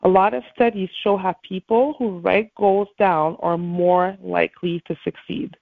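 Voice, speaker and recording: A woman's voice: lowish voice, steady tone, measured pace, gravelly, dry recording. A woman speaking as a morning show host, giving an encouraging motivational talk and addressing her listeners directly, over a call line. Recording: thin phone-like call audio.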